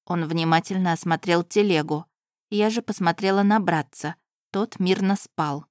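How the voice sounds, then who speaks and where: Female audiobook narrator, lowish voice, dry close mic, first-person storytelling. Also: moderate pace, a little mellow, no echo.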